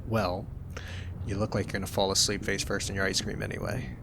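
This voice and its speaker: In a soft-spoken, intimate ASMR roleplay, a young man with a lowish voice speaks gently and teases playfully. His delivery is brisk with some vocal fry, and a steady hiss runs beneath the recording.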